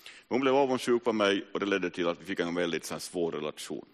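A man in his forties preaching a personal testimony sermon, telling his story earnestly with sudden rises and hushed drops. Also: low-pitched, lively intonation. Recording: reverberant hall.

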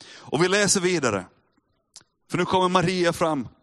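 Male preacher, fairly high voice, chatty sermon delivery that builds in emphasis. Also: animated, fairly bright tone. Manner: conversational, addresses listeners directly, rises in emphasis. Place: church with a live audience.

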